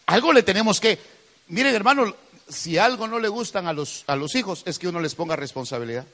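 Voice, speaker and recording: Man, pastor, emphatic preaching, bright sharp tone, reverberant church hall. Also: sits high, animated, fairly quick. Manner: emphatic preaching, addresses listeners as brother. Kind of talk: sermon.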